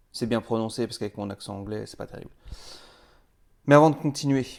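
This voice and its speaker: A man's voice: mid-range voice, darkish tone. Chatty man explaining web basics. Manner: chatty, explains step by step with frequent "euh" fillers. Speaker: web marketing trainer. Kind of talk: casual video tutorial.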